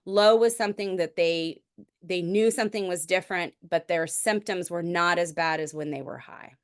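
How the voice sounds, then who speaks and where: A woman's voice: on the low side, steady tone, normal speed, clear, resonant tone. A middle-aged woman physician giving a lecture in a conversational, explanatory way, with frequent restarts. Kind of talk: recorded medical lecture.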